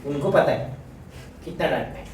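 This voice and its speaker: Male teacher, chatty and joking, boomy echoing room, voice from a distance, faint hiss. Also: lively intonation, normal speed. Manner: chatty, joking, mixes Hindi and English. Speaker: physics teacher. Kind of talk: classroom lecture. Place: classroom. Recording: echoey classroom, mic far off.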